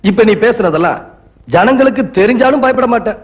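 An actor playing a defiant, righteous young champion of the poor in a film drama, firm and moralizing. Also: male voice, extremely high pitch, brisk. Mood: taunting triumph. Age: young adult. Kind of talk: dramatic Tamil film dialogue. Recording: dull lo-fi film soundtrack.

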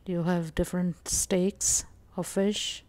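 A vlogger from India narrates a casual shopping walkthrough in a lowish voice. She's calm and explanatory, pausing often and using plenty of fillers.

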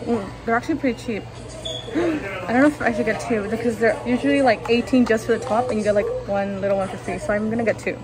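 A vlogger in her twenties chats casually to a handheld camera held at arm's length, moving from her home kitchen out through streets, a subway station and shops. She talks fast in a slightly high voice, giggly and full of fillers, on a rough recording.

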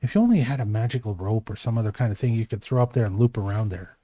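A man's voice: fairly low pitch, expressive, fast talker, warm tone. A man running a tabletop game as game master, talking in a casual, rambling way with fillers.

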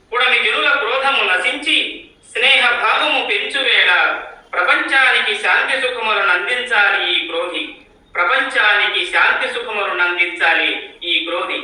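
A man's voice: very high voice, sharp tone. A man, a poet, singing his verses at a poetry gathering and repeating each line. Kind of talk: sung poetry recitation. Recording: echoey hall from far off.

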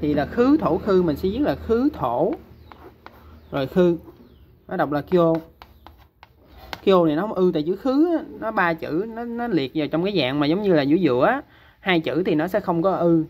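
A man's voice: high voice, darkish tone, slight background noise. A man with a Southern Vietnamese accent teaching kanji step by step, patiently checking in with his listeners as he explains. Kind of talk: step-by-step lesson.

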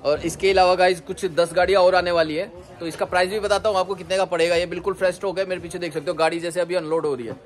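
A man in his thirties from India, a wholesale seller walking through a warehouse and pitching stock to viewers in a brisk, casual vlog. He is filmed on a handheld phone as he moves around the site. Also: steady tone, faint music behind. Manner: brisk salesman pitch, addresses viewers as guys. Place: large warehouse and loading yard, partly outdoors. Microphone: handheld phone selfie camera, moving around.

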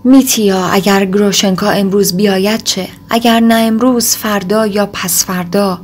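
Brief: audiobook, woman reading a concerned gentle young man, mid-pitched, questioning. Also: fairly even intonation, slight background noise, lightly acted. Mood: worried. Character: gentle worried younger brother, earnest.

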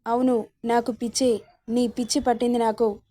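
A woman's voice: fairly high pitch, little pitch movement, moderate pace, dark tone, no echo, studio quality, close to an everyday voice. A woman voicing a hurt, fiery young wife who speaks in a pleading, reproachful way. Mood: upset.

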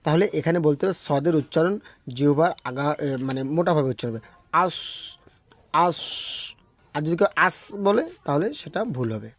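Patiently walking through proper pronunciation and fixing frequent errors, a man gives a Quran recitation lesson, chanting his examples slowly and at length. His voice is a little high, and there is no room sound.

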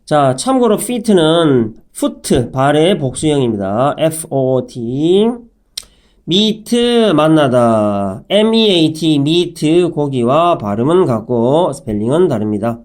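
Male phonics teacher, slightly high voice, very slow and careful, spells words letter by letter. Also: sing-song, darkish tone. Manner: spells words letter by letter, with a pun now and then. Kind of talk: slow, clear vocabulary lesson.

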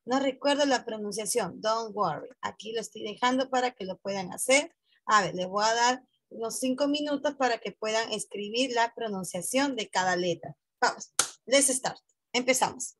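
A woman teaching English to school students, saying each phrase in English and then in Spanish and often checking in with a quick tag question. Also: fairly high pitch, no echo, low-quality recording. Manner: spells letters out slowly, one by one.

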